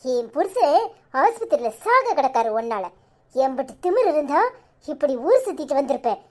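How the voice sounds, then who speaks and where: A woman's voice: high voice, very animated, moderate pace, pitched below the performer's own voice. A woman with a Kanyakumari Tamil accent voicing a distraught young wife who pleads and scolds in a cartoon. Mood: furious. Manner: pleading, then harsh scolding. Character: distraught young wife, fierce when angered. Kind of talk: cartoon voice acting.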